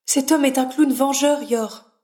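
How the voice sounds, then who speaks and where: A woman's voice: high voice, fairly even intonation, slow, a little mellow, pitched above the performer's own voice. A woman doing a helpless, despairing wife. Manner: helpless, murmured. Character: weakened, despairing wife of the captive.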